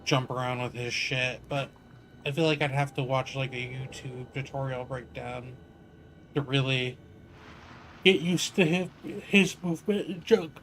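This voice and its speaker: A male streamer chatting casually while he plays. He talks in a laid-back, rambling way full of slang, with a middle-pitched voice. A faint ambient hiss sits behind him. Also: unhurried, fairly bright tone. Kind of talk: casual chat while gaming.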